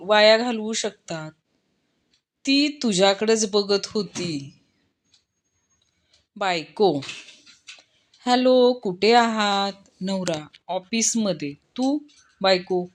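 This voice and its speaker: A woman reading short jokes aloud, dropping low and soft to name each speaker. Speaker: joke reader.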